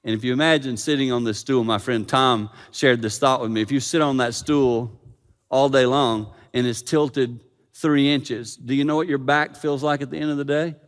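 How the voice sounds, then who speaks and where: A man preaching a sermon as pastor, swinging from loud dramatic peaks to hushed quiet. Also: mid-range voice, steady tone, moderate pace. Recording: long reverb of a hall.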